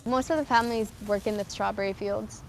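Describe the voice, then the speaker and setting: A woman's voice: medium pitch, gravelly. A young woman from Oxnard, California speaking reflectively and evenly in a documentary interview. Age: young adult. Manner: reflective, even and measured. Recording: noisy documentary audio.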